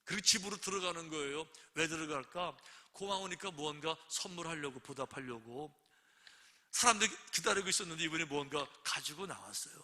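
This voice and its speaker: Male pastor, sermon, very bright voice, slightly high, long church reverb. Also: brisk. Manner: storytelling, acting out quoted voices. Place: church sanctuary.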